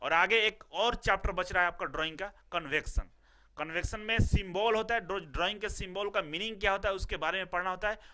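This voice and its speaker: Bright-voiced male teacher, repetitive explaining. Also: high voice, brisk. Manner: explains step by step, repeats phrases, asks "ठीक है ना" often. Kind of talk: recorded classroom lecture.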